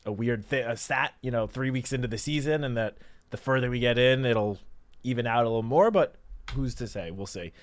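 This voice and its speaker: A man's voice: mid-range voice, brisk. A man co-hosting a sports show in casual, conversational football discussion.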